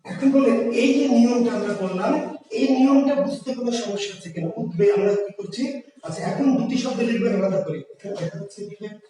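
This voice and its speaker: A man's voice: high voice, fast, dark tone, heavy reverb, big-room sound, recorded from a distance, low-quality recording. A male teacher with a Bangladeshi Bengali accent gives an online grammar lecture. He explains each point step by step and keeps asking the class questions.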